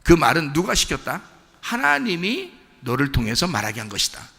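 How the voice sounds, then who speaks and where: Lively, gravelly pastor preaching. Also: male voice, fairly high pitch, normal speed, in a large hall. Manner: conversational, quizzes the congregation with repeated questions; acts out quoted voices to make a point. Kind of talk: sermon. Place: church sanctuary.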